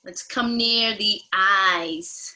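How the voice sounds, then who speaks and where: A woman leads a guided meditation in the soothing manner of a yoga teacher. Her pace is slow, with gentle pauses between instructions. The voice has a bright, forward tone. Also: mid-range voice. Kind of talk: guided mindful movement instruction.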